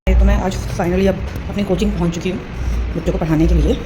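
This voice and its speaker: A young woman vlogging her day at home and at her coaching class, teasing and scolding family members in a lively, playful way, filmed on a handheld phone. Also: fairly low pitch, quick pace. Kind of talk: casual daily vlog narration. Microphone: phone camera, handheld. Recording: loud background noise on phone recording.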